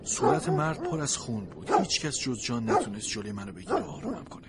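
A man's voice: medium pitch, huge pitch swings. Earnest male storyteller, noisy background. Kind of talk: storybook narration in first person as a dog.

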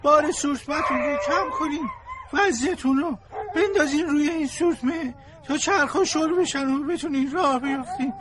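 Man voicing an older bystander, high and indignant, defending the dogs. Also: crowd noise. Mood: indignant pleading. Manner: pleading, then scolding.

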